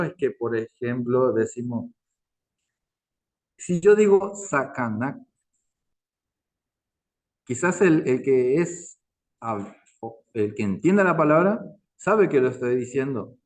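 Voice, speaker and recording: A man teaching a language class online, patient and repetitive, constantly checking in with his listeners. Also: medium pitch. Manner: slow, patient, repeats words and asks "¿no es cierto?".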